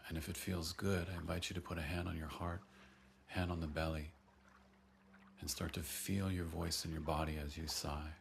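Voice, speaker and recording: A man guiding a breathing and voice meditation, giving soft, gentle, unhurried instructions between long audible sighs. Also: deep voice, level tone, vocal fry, slight background noise. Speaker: breathwork and voice teacher.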